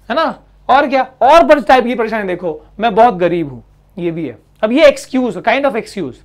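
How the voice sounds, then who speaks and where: A male teacher giving students a motivational talk in a loose, conversational way. He keeps checking in with tag questions and slips into acting out the worries students voice. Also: high-pitched.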